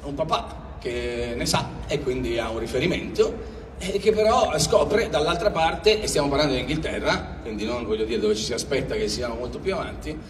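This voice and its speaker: A man's voice: medium pitch, lively intonation, moderate pace. A middle-aged man giving a stage introduction at a public event, as a presenter. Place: large outdoor stage, filmed from far off. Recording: distant echoey stage PA, noisy.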